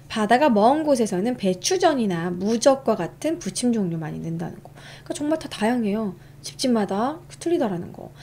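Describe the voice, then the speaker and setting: A woman's voice: on the high side, warm tone, slight background noise. A young woman streaming a casual history lesson, chatty, reading notes aloud and reacting to her chat.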